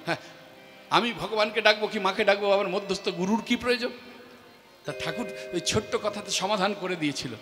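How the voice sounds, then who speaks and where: A man giving a devotional sermon from a stage, telling stories, acting out the dialogue and swinging between hushed and shouted lines. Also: sits high, fairly quick, big-room sound, over music. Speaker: religious preacher. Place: stage before an audience.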